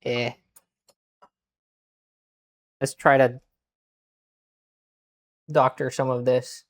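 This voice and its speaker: A man streaming himself cooking, chatting casually with deadpan, self-mocking asides and muttering to himself as he works. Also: mid-range voice, very slow. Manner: mutters to himself while working. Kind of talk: casual chat while cooking.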